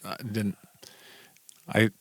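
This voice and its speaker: A man's voice: extremely slow, fairly bright tone, no room sound. Teasing man in his fifties. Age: 50s. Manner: teasing, playful banter. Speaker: podcast co-host. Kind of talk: casual chat.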